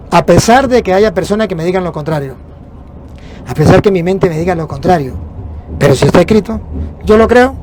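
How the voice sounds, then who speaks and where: A man preaches with emphasis, his voice sitting higher than most men's. He poses rhetorical questions and answers them himself. A faint rumble of the moving bus hums underneath. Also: a little mellow.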